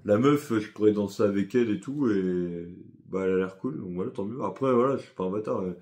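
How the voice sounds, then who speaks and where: A man's voice: on the low side, fast talker, a little mellow. A young man telling a story in a casual vlog, rambling and slangy, with lots of fillers and self-corrections. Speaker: vlogger.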